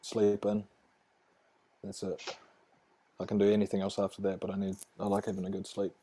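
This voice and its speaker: A man's voice: low-pitched, monotone, brisk, mellow, a little hiss or hum. A young man with a broad New Zealand accent, chatting casually and slangily as an interview guest. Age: young adult. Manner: laid-back, slangy. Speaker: interview guest, rugby player. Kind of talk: casual chat.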